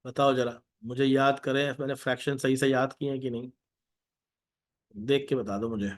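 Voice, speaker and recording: A man's voice: medium pitch, steady tone, moderate pace. A man with an Indian accent teaching a live online math class, coaxing students and repeating his instructions.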